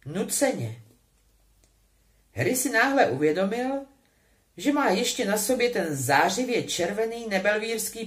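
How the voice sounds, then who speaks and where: A woman reads a novel aloud in an expressive, animated way. Her voice sits a little low, but her pitch moves widely as she tells the story. The delivery stays that of a storyteller. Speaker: audiobook reader.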